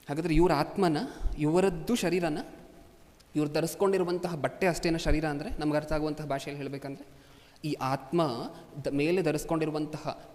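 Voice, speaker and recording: A man's voice: on the high side, a little mellow. A man preaching a sermon to a congregation, constantly asking them rhetorical questions. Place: large hall before a congregation. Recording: long hall reverb.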